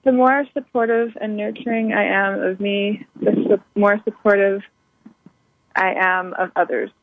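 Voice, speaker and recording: A woman's voice: medium pitch, fairly even intonation, unhurried, no echo. A woman calling in to a show, earnestly repeating affirmations after the host over the phone. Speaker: caller. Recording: tinny phone line.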